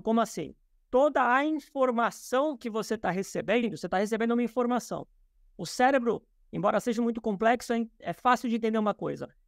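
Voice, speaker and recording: Speaking over a video call from his office, a Brazilian podcast guest works through his ideas thoughtfully, with lots of fillers and restarts. His voice is extremely high with vocal fry, and the recording is dry with clean studio sound, suited to explanatory interview talk.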